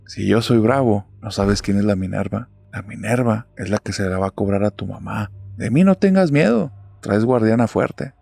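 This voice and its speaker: Street tough, voiced by a male storyteller, low and blunt, dry close sound. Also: moderate pace, vocal fry, hardly any pauses, warm tone, breathy edge, no echo. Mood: ominous. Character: hardened young male street gang tough.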